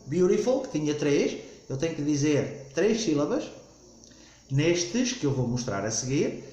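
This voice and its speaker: A man teaches an English grammar lesson, speaking slowly and repeating key points with frequent "ok?" checks. His voice sits a little high and moves through a lively pitch range. The recording has a roomy echo. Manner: slow, repetitive explaining, frequent "ok?" checks.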